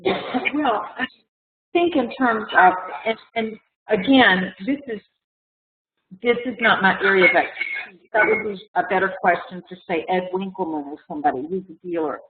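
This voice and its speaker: A woman with a mid-range voice speaks at a normal speed against a noisy background. She collects art and is talking casually in a webinar, rambling with lots of fillers and restarts while losing her voice. The echoey room comes across through a tinny video call.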